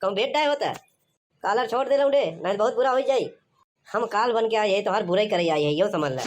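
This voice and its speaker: A performer voicing a hot-headed young village man in a cartoon comedy, shouting threats in a rough Awadhi accent. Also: mid-range voice, brisk, lightly acted. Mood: threatening.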